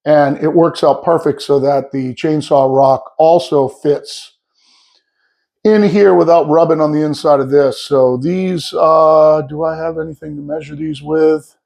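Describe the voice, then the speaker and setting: Mellow-voiced guy walking through his shop setup, plain talk, lots of uhs. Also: on the high side, steady tone, a little slow, gravelly. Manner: plain-spoken, explains step by step with fillers. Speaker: sawmill owner showing his setup. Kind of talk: casual workshop demo. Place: workshop. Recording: echoey, mics off.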